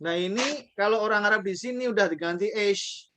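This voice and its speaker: Male language teacher, slightly high voice, patient drill leader, casual online class. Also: fairly bright tone. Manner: patient, repeats phrases slowly for learners to copy.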